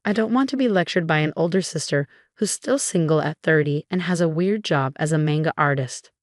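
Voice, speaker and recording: A woman's voice: low voice, a little fast, no room sound, clean studio sound, close to an everyday voice. A woman voicing a rude, spoiled young bride who mocks her in-laws in a storybook narration. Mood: mocking. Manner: mocking.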